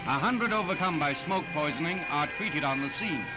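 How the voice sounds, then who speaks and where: A man's voice: on the high side, animated, normal speed, over loud music, rough recording. A man giving punchy, dramatic old newsreel narration.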